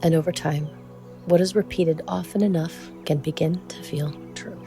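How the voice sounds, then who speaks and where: With music in the background, this meditation guide talks in a medium-pitched, fairly even voice. The delivery is calm and measured, full of pauses, and soft with occasional breathiness.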